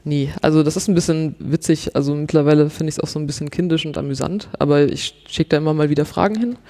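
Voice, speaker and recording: This guest is a wry investigative journalist who talks fast and chattily about his work during a casual interview. Pitched a little high for a man but warm and mellow, he keeps dropping fillers such as "irgendwie" and "so."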